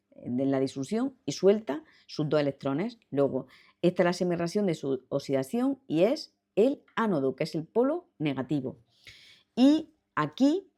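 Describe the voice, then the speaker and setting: A woman with a Spanish accent from Spain teaches chemistry in a video lesson, her fairly low voice sounding mellow. She patiently explains step by step, repeats the key points, and checks in with her students.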